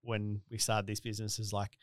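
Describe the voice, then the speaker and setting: A man's voice: lowish voice, monotone, fairly quick, no room sound, studio quality. A man in his thirties with a broad Australian accent, hosting a casual interview in a rambling, colloquial, blokey way. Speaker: podcast host and business owner.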